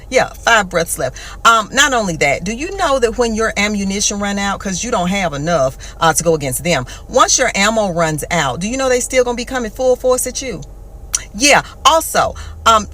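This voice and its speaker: Sassy bright-voiced woman mocking. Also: medium pitch. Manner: mocking, sassy, talks down with pet names. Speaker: commentator. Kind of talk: reaction commentary.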